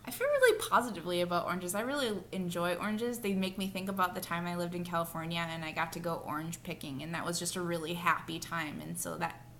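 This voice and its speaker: A woman's voice: on the low side, quick pace, fairly bright tone, slight background noise. A woman co-leading a mentor training, talking through slides in a plain, friendly way. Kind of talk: casual training talk.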